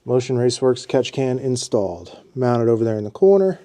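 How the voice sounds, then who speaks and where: His medium-pitched, mellow voice is lively in intonation and fairly quick as this congested man narrates his car build. Nursing a head cold in a cluttered home garage, he stays laid-back, thinking aloud and restarting sentences.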